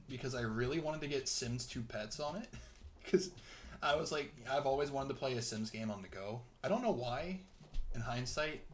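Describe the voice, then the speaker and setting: A man's voice: medium pitch, a little hiss or hum. A young man giving rambling, chatty let's-play commentary while he plays, chuckling often. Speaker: gameplay commentator.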